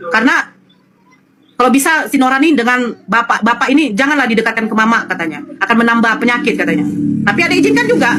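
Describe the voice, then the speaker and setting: Middle-aged woman from North Sumatra, high-pitched, emotional testimony, repeats herself, acts out dialogue. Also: a bit bright, a little hiss or hum. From North Sumatra, Indonesia. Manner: storytelling, acting out quoted dialogue, repetitive phrasing. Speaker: interview guest.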